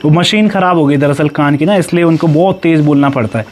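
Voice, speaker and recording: A young man with an Uttarakhand Pahadi accent, chatting loudly and quickly as a family vlogger telling stories at home. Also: on the high side, slight background noise. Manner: talks loud and fast, storytelling. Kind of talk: casual family vlog chat.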